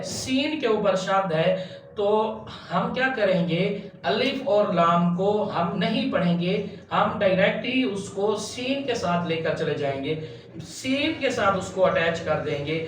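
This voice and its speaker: Slow, patient man teaching Quran recitation. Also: high voice, a bit bright, distant mic. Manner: slow and patient, spells out letters and chants drawn-out syllables. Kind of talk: step-by-step tajweed lesson. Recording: echoey room, voice off-mic, faint hum.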